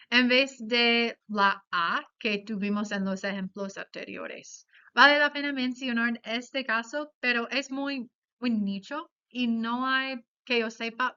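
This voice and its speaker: A woman giving a class presentation on pronunciation, explaining carefully and saying example words slowly. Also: a little high, bright, forceful tone, smooth. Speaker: student presenter. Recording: dull lo-fi sound.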